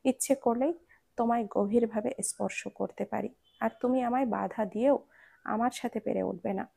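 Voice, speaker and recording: A woman reading the lines of a bossy male minister who teases and threatens his wife, in a lower, quieter voice. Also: fairly even intonation, moderate pace, gravelly. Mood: stern. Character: stern commanding male minister, teasing husband.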